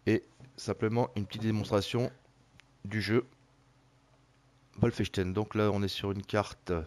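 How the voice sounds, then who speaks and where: A man's voice: lowish voice, fairly even intonation, measured pace, a little mellow. A man giving casual gameplay commentary as he walks viewers through an online shooter, hesitant and full of fillers and repeated words. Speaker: gameplay tutorial narrator.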